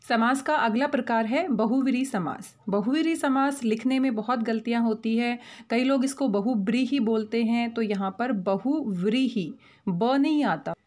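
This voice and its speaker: A woman with a fairly high voice teaches grammar from her slides. She is patient and methodical, and she slows down to spell out every example word. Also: darkish tone. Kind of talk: explaining grammar over slides.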